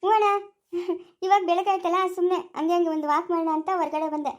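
A woman's voice: very high voice, fairly even intonation, quick pace. A woman with a rural Chikkaballapur Kannada accent acting in a family skit, speaking in a pleading, reassuring way.

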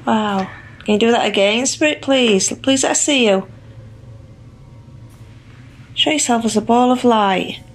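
A woman's voice: a little high, measured pace, long pauses. A woman on a ghost-hunting vlog, talking as a paranormal investigator and addressing spirits aloud. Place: indoor rooms at night. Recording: music underneath. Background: music.

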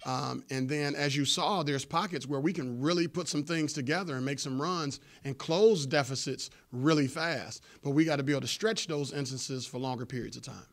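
A man in his forties, a head coach answering postgame press questions in a measured, explanatory way with frequent fillers, seated at a table microphone in a press room. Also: medium pitch, creaky. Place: press room before a sponsor backdrop. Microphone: table microphone in front of him.

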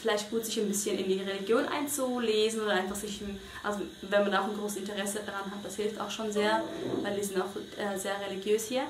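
A woman's voice: mid-range voice, little pitch movement, quick pace. A young woman from Switzerland answers interview questions in a casual, hesitant way, with many fillers and restarts. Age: young adult. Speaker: volunteer interviewee. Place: small bedroom indoors. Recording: echoey room with faint noise.

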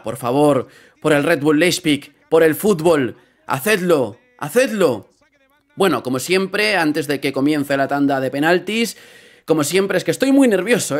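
Excitable man reacting to football. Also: sits high. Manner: excitable, swearing, repeats phrases. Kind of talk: live reaction commentary.

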